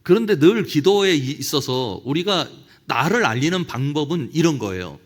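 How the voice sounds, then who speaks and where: Male pastor, middle-aged, seminar sermon; higher voice with wide swings, tells stories and acts out quoted prayers. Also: animated, normal speed. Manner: storytelling, with quoted prayers acted out. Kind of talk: lecture-style sermon at a church officers' seminar.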